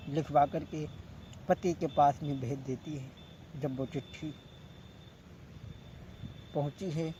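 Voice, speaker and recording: A man with a rural north Indian accent telling a folk tale in drawn-out singing and spoken narration, recorded on old worn tape. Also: fairly high pitch, dark tone. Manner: long drawn-out sung lines, plain spoken narration between. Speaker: folk ballad singer and storyteller. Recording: muffled, noisy old worn cassette tape.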